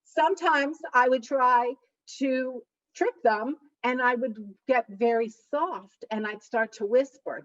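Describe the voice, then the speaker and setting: A middle-aged woman who teaches college gives a study-skills presentation in an online session, her big, emphatic voice leaning hard on key points. Her pitch is medium. She is far from the computer mic, and the highs are cut off.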